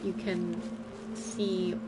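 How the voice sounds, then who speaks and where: A woman with a lowish voice streams a game, delivering rambling, think-aloud commentary very slowly and flatly, with chuckles mixed in. Loud game music creates heavy background noise.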